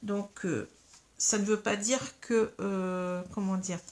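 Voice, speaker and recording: A woman at medium pitch speaks slowly while guiding viewers through a tarot reading. She keeps a soft, calm, teaching tone but hesitates a lot, filling gaps and restarting phrases.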